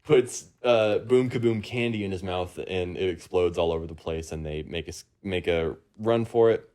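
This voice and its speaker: A man's voice: low-pitched, normal speed, darkish tone. A man hosting a casual podcast, rambling through a movie plot recap with lots of ums and uhs among friends. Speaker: podcast host.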